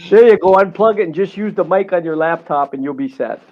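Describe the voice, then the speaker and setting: A man's voice: sits high, fairly quick, darkish tone, muffled recording. A man chatting on a livestream as a guest, plain-spoken and joking. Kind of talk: casual chat.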